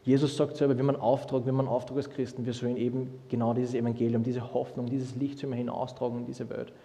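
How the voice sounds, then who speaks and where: A young man preaching a sermon, lively and humorous, with many restarts as he tells stories. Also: mid-range voice, racing. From Austria. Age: young adult. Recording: long hall reverb.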